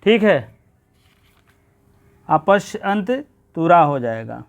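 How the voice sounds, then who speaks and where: A male teacher who talks slowly and deliberately in a high, clear voice. He goes through the text word by word, repeating terms and quizzing himself as he explains. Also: very animated. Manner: repeats words and glosses them, asks and answers his own questions. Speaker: Sanskrit teacher. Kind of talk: exam-prep lesson explaining verse line by line.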